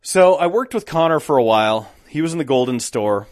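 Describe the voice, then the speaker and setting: A man hosting a solo podcast, telling stories about his old jobs in a wry, self-mocking way, with lively switches when he quotes other people. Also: on the high side, a little fast, no echo, clean studio sound. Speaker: podcast host. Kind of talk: casual solo storytelling.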